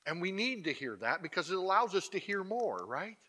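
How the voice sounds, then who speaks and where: A man's voice: sits high, sing-song, brisk, bright, forceful tone. A man preaching a conversational sermon. He is emphatic and keeps checking in with the congregation through asides.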